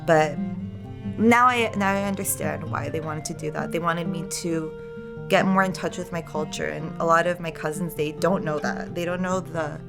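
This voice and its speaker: This young woman, raised in Ecuador and Canada, has a low, gravelly voice with fairly even intonation and speaks at normal speed. She's a documentary interviewee talking casually, with lots of "like" and "uh", over guitar music.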